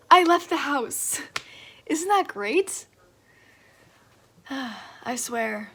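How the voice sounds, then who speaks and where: A woman's voice: fairly high pitch, a bit bright, husky, heavily acted. A woman acting a dramatic, gossipy young woman telling a friend news over the phone in a stage monologue. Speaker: student actor.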